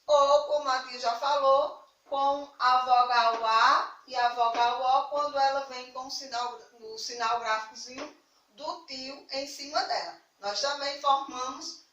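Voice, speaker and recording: A woman's voice: high-pitched, steady tone, a little slow, sharp tone, roomy sound, far from the mic, lo-fi sound. A Brazilian woman teaching a remote lesson to young children, affectionate and patient, stressing key words. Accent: Brazilian Portuguese. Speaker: primary school teacher.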